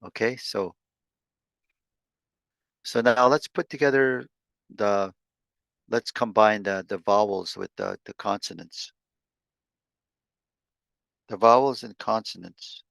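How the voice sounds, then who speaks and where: A man teaching an online language lesson over a video call, sounding out syllables slowly with many halting restarts. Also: fairly low pitch, gravelly, fairly bright tone, no echo.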